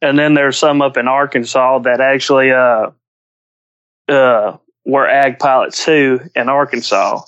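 A man chatting casually as an interview guest, speaking in halting phrases with frequent pauses. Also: mid-range voice, fairly even intonation, fairly bright tone, clean tone, no echo, highs cut off. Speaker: podcast guest, agricultural pilot.

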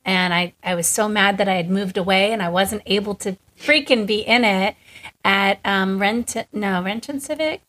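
A woman's voice: mid-range voice, moderate pace, fairly bright tone. Chatty woman podcast host. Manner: chatty and enthusiastic, frequent agreeing interjections. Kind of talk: casual conversation.

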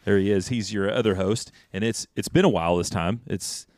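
A man co-hosting a book podcast in a relaxed, rambling way, reading passages aloud and chatting. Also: lowish voice, brisk, no echo, studio quality. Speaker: podcast co-host.

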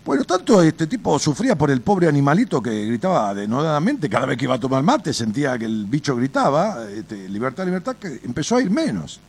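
A man's voice: medium pitch, brisk, hardly any pauses, husky. A man with an Argentine accent giving advice on a radio show, blunt and colloquial, telling folksy stories to a caller. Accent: Argentine Spanish. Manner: blunt and colloquial, swears freely; animated storyteller, addresses listener directly. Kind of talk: advice talk with storytelling.

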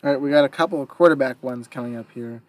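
A young man hosts a casual sports chat at an even, mid-range pitch. He reads quotes aloud, then adds his own take with small pauses and fillers. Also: dry recording. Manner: reads out quotes, then gives opinions with hesitations. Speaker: podcast host.

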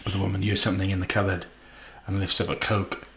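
A man's voice: low-pitched, little pitch movement, quick pace, gravelly, sharp tone, roomy sound. A man casually recapping a film on a podcast, swearing, laughing often and acting out the scenes. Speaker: podcast co-host.

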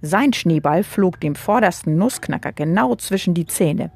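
A woman reading a children's book aloud, gently addressing young listeners. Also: lowish voice, animated, moderate pace, creaky, soft background music.

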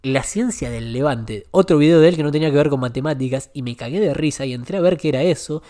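A young man with a Rioplatense Spanish accent tells a personal story on a casual podcast. His voice sits a little high for a man, and he is animated and confessional, piling up repeated words for emphasis. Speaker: guest.

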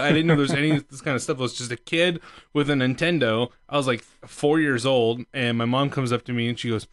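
A man's voice: medium pitch, fairly bright tone. A young man co-hosting a podcast, telling a rambling childhood story in casual chat, laughing often and swearing freely. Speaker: podcast co-host.

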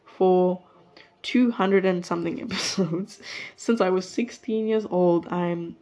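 A mellow, fairly low voice belongs to a nineteen-year-old hosting a solo podcast at a slow pace. Her talk is chatty and meandering, full of self-interruptions, and she records on a mic plugged into a phone.

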